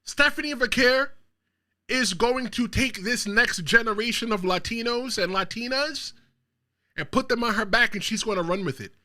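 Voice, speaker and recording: At a moderate pace, a very high-pitched man from the Bronx, New York delivers emphatic hot takes on his wrestling commentary show. His pushed, bright voice is aimed straight at his viewers.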